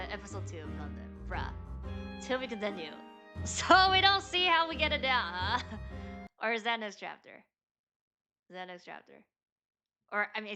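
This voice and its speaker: A woman's voice: medium pitch, sharp tone. A woman doing a casual game playthrough, reading dialogue aloud and reacting in an informal, slangy way. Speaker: gamer playing through a story game. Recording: game music behind voice.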